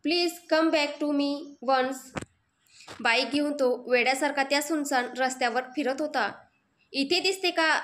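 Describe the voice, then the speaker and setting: A woman with a high, bright voice reads a love story aloud. Her narration is emotive and dramatic, leaning into each feeling. She tells it in a scripted storytelling style. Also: slight background noise.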